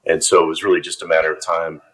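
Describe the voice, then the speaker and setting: A man's voice: extremely low pitch, flat delivery, quick pace, fairly bright tone, breathy edge, low-quality recording. A man in his fifties from upstate New York, a podcast guest chatting casually and self-deprecatingly about his life. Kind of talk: casual interview chat.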